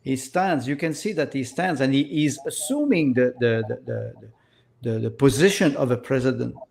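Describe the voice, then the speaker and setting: Gravelly man, halting political chat. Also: mid-range voice, darkish tone. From Canada. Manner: halting, repeats words while searching for them. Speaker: podcast co-host.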